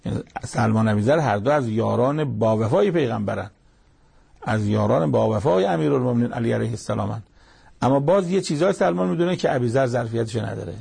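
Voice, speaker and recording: A man's voice: medium pitch, lively intonation, vocal fry, darkish tone, husky. A man giving a Quran commentary lesson, explaining verse by verse in a plain, conversational way and retelling stories as dialogue. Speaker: Quran interpreter.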